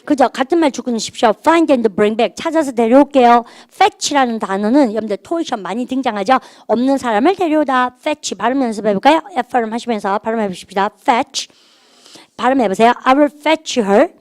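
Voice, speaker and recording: A woman's voice: fairly high pitch, fairly quick, few pauses, darkish tone, no echo. A middle-aged woman teacher, giving a recorded grammar lecture and drilling her students with call-and-response prompts. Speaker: English teacher.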